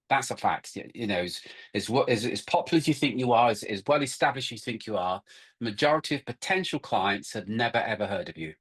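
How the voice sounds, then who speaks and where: Husky middle-aged man presenting a webinar. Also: mid-range voice. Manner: emphatic, repeats words, restarts often. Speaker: co-host of recruiting workshop.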